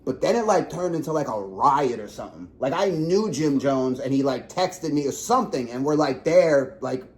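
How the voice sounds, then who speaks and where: A man co-hosting a podcast, chatting casually and telling stories in a rambling, profane, fast way. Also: medium pitch, animated, darkish tone. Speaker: podcast co-host. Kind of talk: casual chat.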